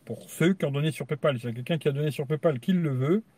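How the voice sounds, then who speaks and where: A man with a fairly high voice rambles through a casual live stream, crude and chatty, tagging every other phrase with the same filler. The sound is dry and close, with no room around it. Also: fast, darkish tone, breathy edge, no echo. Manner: crude, rambling, says "tu vois" constantly. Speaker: YouTube tech channel host.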